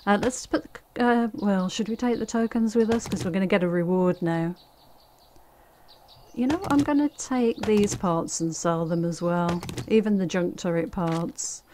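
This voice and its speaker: A woman's voice: medium pitch, moderate pace, darkish tone, slight background noise. Chatty woman narrating her gameplay. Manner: chatty, thinking aloud with fillers and dry asides. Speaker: let's play gamer. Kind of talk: casual game commentary.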